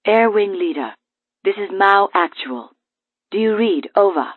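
A woman's voice: medium pitch, expressive, measured pace, breathy edge, no room sound. An actress playing a female carrier flight controller, speaking in clipped radio protocol over a walkie talkie. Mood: official. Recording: tinny radio line, dry.

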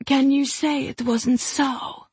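A woman's voice: sits high, fairly even intonation, slow pace, a little mellow, no room sound, voice pushed up. A woman voicing a seductive ancient female spirit bound in a gem, speaking in honeyed, possessive whispers. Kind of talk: audiobook character voice.

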